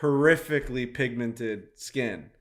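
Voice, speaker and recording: A man's voice: medium pitch, measured pace. A man co-hosting a golf podcast, telling rambling, profane stories in a casual chat. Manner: rambling, profane, animated anecdotes. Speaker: podcast co-host.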